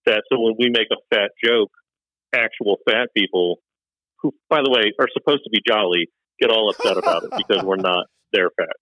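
In a dull, dry, lo-fi recording, a stand-up comedian talks at a normal pace in a lowish voice. His casual chat meanders, self-deprecating and packed with fillers and false starts.

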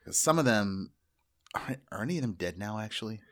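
A man chatting casually about movies as a podcast co-host, talking in quick bursts with restarts. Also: fairly low pitch, animated, a bit bright.

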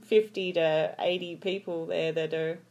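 A woman's voice: on the low side, steady tone, unhurried, a little mellow, lo-fi sound. A woman hosting a casual podcast interview, asking friendly questions and giving short agreeing replies. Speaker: podcast host.

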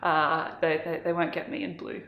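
A woman's voice: sits low, level tone, moderate pace, a bit bright, echoey room. A woman in her twenties, born in Malawi, chatting as an interview guest in a casual, self-deprecating way. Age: 20s.

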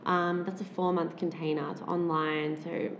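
A woman's voice: lowish voice, a little hiss or hum. Upbeat woman coach in an echoey room. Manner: enthusiastic, animated, quick to affirm. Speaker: intimacy coach, guest. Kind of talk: casual podcast chat. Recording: roomy echo.

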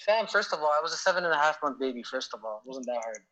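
A man's voice: a little high, animated, rapid-fire, pushed and bright, poor audio. A young man on a remote call, bantering and boasting as a co-host, joking about himself. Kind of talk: casual banter. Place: alone in a room abroad. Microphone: remote video call.

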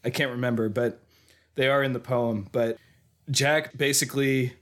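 An American podcast co-host with a cold, his voice fading, chats casually about films in a rambling, jokey, conversational way. He speaks at normal speed with a medium pitch and fairly even intonation.

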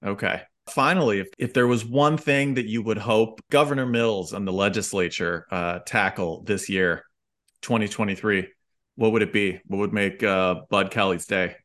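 A man's voice: lowish voice, normal speed, a bit bright. A man hosting an interview, asking questions in a dry, wry way with filler words. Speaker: host.

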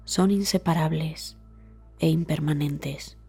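A woman guides a scripted meditation, speaking calmly and deliberately in a low, soft, breathy voice with words that trail off. Soft music plays in the background.

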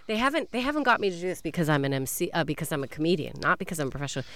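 A woman's voice: low voice, animated, racing, fairly bright tone, no room sound. A woman with a North American accent chatting casually, playful and self-deprecating like a comedian. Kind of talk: casual chat.

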